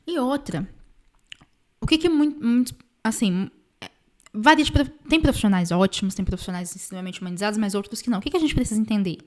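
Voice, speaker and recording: A woman's voice: medium pitch, expressive, fast, darkish tone. A woman host commenting on birth care, speaking emphatically and addressing viewers directly. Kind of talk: explanatory commentary.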